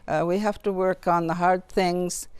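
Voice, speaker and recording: An older interview guest from Nunavut in Canada, reflecting in a halting, thoughtful way with pauses and repeated words. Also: mid-range voice, steady tone, clean tone, no room sound.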